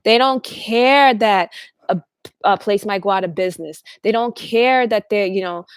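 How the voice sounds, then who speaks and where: A woman hosting her own channel speaks in a clear, resonant, mid-range voice at an unhurried pace, with no room sound. Her casual monologue rambles, she restarts sentences often, and she acts out the voices of people she quotes.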